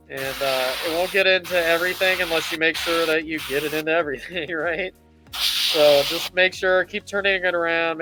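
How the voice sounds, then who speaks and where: This man's voice sits on the high side, and the recording is rough. As host of a live painting tutorial stream, he talks in an easygoing, informal, chatty way while background music plays.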